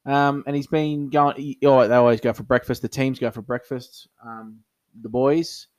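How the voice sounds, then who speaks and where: A man's voice: mid-range voice, fairly even intonation, moderate pace, no room sound. A man, co-hosting a podcast in casual chat, chatty and agreeable. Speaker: podcast co-host.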